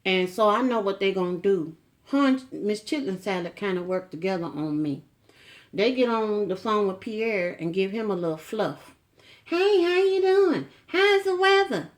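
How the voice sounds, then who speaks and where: A middle-aged woman talking casually at home in a folksy, chatty way. She keeps turning aside to address her viewers and tease her husband, with an easy, medium-pitched voice. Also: moderate pace. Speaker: vlogger. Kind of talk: casual chat to camera.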